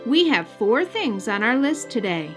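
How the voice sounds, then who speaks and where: A woman voicing a kind, patient mother pig with a gentle, instructive manner in a children's picture book. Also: a little high, big pitch swings, measured pace, over music.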